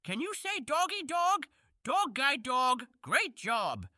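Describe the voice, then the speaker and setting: A woman voicing a cheerful young male kitten in a preschool cartoon, talking slowly and sing-song to small children. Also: high voice, big pitch swings, bright, forceful tone, no room sound, clean studio sound, full character voice.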